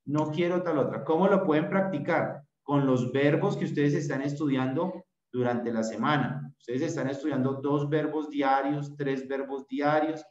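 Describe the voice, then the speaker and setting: A man teaching an English class over a video call, repeating short phrases slowly so the students can copy them. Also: fairly high pitch, a little mellow. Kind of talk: virtual class instruction. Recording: echoey room, dull lo-fi sound.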